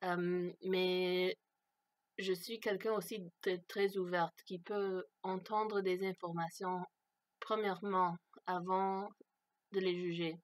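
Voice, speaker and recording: A woman vlogger speaks unscripted to camera about personal matters in French, which is not her first language. Her lowish voice is flat, and she talks slowly and thoughtfully, hesitating, searching for words and using many fillers.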